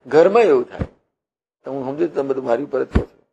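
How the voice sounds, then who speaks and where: Gravelly-voiced man preaching a sermon. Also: mid-range voice, warm tone, dull audio, slight background noise. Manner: slow, repetitive teaching with frequent rhetorical questions. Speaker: religious preacher. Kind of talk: devotional sermon with parables.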